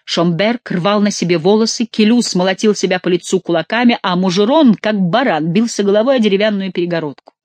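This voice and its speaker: Expressive audiobook narrator, dry sound. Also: medium pitch, brisk, few pauses, no room sound. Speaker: audiobook reader. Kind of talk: scripted narration.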